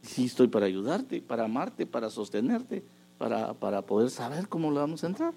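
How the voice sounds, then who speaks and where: A man preaching a sermon, moving between hushed asides and loud, emphatic bursts. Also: medium pitch, sing-song, a little fast, gravelly.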